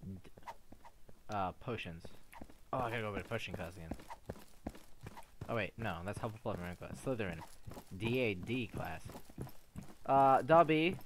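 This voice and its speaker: A man streaming a game role-play, excitable, yelping and laughing often. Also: on the low side, moderate pace, long pauses, noisy background.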